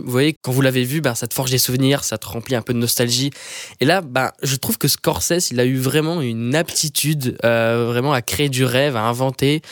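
A man's voice: mid-range voice, dry recording, clean studio sound. A young man chatting casually about a film he saw, with many hesitations and fillers. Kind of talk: casual film review chat.

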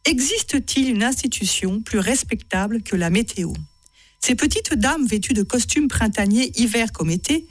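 A woman's voice: on the high side, lively intonation, normal speed, dry recording. A woman author reading excerpts from her own writing to an audience, chatty and self-mocking, often laughing at her own lines.

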